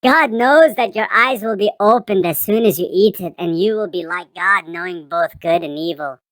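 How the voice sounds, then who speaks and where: A woman's voice: mid-range voice, normal speed, a bit bright, no room sound, close to an everyday voice. A woman voicing a sly, shrewd male serpent with a coaxing way of talking.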